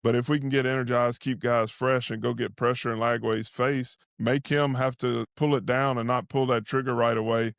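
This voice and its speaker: Man, even-toned halftime football commentary. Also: mid-range voice, moderate pace, vocal fry, hardly any pauses, no echo, clean studio sound. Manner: speaks as an invested fan, saying "we". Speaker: sports show host and analyst.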